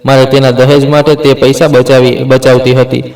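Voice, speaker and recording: A man's voice: medium pitch, level tone, normal speed, a little mellow, lightly acted. A man voicing a harsh, scornful middle-aged mother-in-law who speaks coldly and with contempt, in a storybook reading. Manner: cold and contemptuous. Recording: roomy echo, distant from mic.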